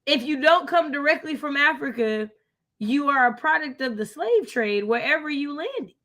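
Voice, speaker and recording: Lively intonation marks this American woman's high, somewhat bright voice at normal speed. As co-host of a live book readalong, she gives casual, emphatic opinions on books, repeating phrases for emphasis.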